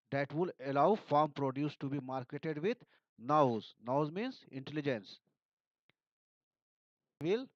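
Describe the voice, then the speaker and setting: A man's voice: on the high side, no room sound. A man with an Indian English accent, teaching a lesson, reading editorial passages aloud and then explaining the words. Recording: dull, dry sound.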